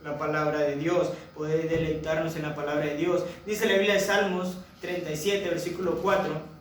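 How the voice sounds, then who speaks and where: A man's voice: on the high side, little pitch movement, normal speed, slight background noise. A man preaching a sermon to a congregation, asking them rhetorical questions. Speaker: pastor. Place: church hall. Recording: echoey church hall from far off.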